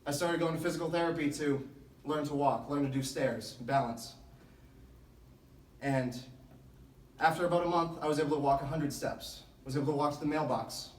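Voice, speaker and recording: A man giving a motivational speech to a sports team, telling his story in an earnest, deliberate way with emphatic phrases. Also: a little high. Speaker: motivational speaker. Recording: echoey room, distant microphone.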